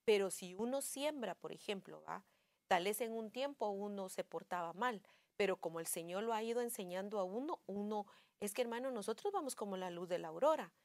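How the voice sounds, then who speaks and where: A woman co-hosts a faith-based talk in a casual, anecdotal way. She often acts out little family conversations and fills her speech with small pauses and fillers. Her voice sits at an ordinary female pitch, recorded close and dry. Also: lively intonation, darkish tone, no room sound.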